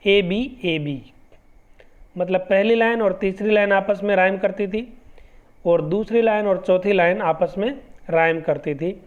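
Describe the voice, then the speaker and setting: A man giving an exam-prep literature lesson, explaining step by step and reading English definitions slowly. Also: sits high, clear, resonant tone. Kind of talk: exam-prep lecture in Hindi mixed with English. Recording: tinny phone-like lo-fi audio.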